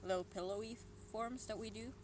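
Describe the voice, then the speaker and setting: Streaming solo at home, a young adult from Sweden with a Swedish accent rambles casually, adding muttered and whispered asides as they go. The mid-range voice holds a steady tone and runs a little fast, with noisy room ambience around it.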